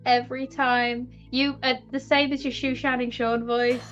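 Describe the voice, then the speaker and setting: A woman's voice: high-pitched, little pitch movement, moderate pace, fairly bright tone. A woman tabletop player chatting casually and informally about a game. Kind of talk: casual chat. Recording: slightly dull sound, faint music. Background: faint music.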